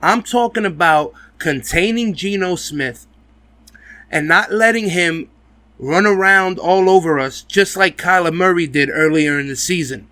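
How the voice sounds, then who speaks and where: High-pitched man with a slight lisp. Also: sharp tone, no echo. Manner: emphatic, blunt, addresses fans directly. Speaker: host of a football fan video podcast. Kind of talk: opinionated sports commentary, casual and profane.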